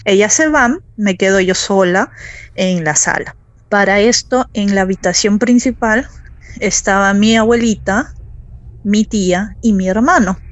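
Soft-spoken Peruvian woman on a call. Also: mid-range voice, no room sound, muffled recording. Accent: Peruvian Spanish. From Peru. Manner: soft, halting, with fillers and restarts. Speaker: caller telling a true story. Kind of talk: personal storytelling on a call.

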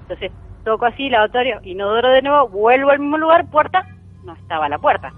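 A woman's voice: fairly high pitch, lively intonation, fast talker, phone-quality sound. A woman with an Argentine accent telling a true ghost story as a guest, earnest and emphatic, repeating key phrases. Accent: Argentine Spanish.

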